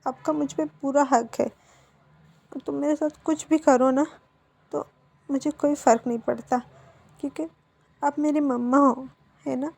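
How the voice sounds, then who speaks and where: A woman's voice: high voice, fairly even intonation, a little slow, creaky, long pauses, darkish tone. A woman voicing a remorseful young man who begs his mother's forgiveness, tearful and stammering. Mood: soft.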